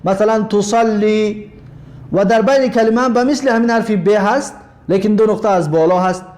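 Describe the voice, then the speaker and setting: A man with a Tajik Persian accent teaching a language lesson, explaining slowly, repeating points and spelling words out. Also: high voice, fairly even intonation, darkish tone.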